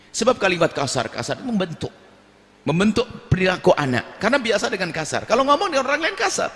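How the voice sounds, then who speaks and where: A male preacher with a fairly high, very lively voice that swings widely in pitch. He preaches in an animated way and slips into little acted scenes of family squabbles. The sound carries a long echo from a large hall. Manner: animated, acts out quarrelling family members in a high voice. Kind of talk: sermon.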